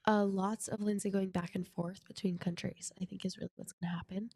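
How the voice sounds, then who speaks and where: A woman's voice: medium pitch, little pitch movement, a little fast, darkish tone, breathy edge. A young woman co-hosting a podcast, chatting casually with a stuffed-up nose and a rambling, self-correcting way of talking. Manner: chatty, rambling, frequent restarts and laughs. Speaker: podcast co-host. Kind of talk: casual chat.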